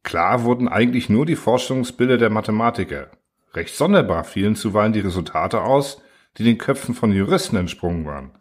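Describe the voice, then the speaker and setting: A man with a low, husky voice reads a literary story aloud. His delivery is measured and even, in the manner of an audiobook narrator. The husky grain stays through every line.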